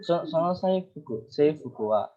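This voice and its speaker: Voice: mid-range voice, animated, moderate pace. Patient language teacher on muffled call audio. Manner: patient, explains grammar step by step with many fillers; prompts students with repeated questions. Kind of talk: online class instruction. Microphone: video call microphone.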